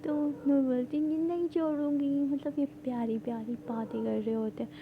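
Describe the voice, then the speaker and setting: A woman casually retelling a drama plot, rambling with many fillers and halting restarts. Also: high-pitched, fairly even intonation, narrow, tinny audio, a little hiss or hum. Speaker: storyteller recapping a drama plot.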